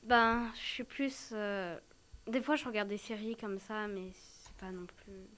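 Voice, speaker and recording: A woman's voice: mid-range voice, steady tone, a little slow, a bit bright. A teenage girl answering as a guest in a casual chat, shy and hesitant with short answers.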